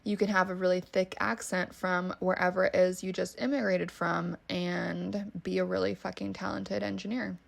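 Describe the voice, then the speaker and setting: A woman's voice: lowish voice, little pitch movement, moderate pace, vocal fry, few pauses. A woman with a Valley Girl accent, hosting a solo podcast in a casual, emphatic way, swearing freely and saying "like" a lot. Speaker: podcast host.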